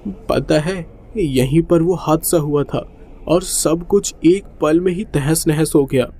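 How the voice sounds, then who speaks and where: A man's voice: a little high, takes it slowly, mellow. A man voicing a grieving ghost girl who speaks mournfully. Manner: mournful, tearful.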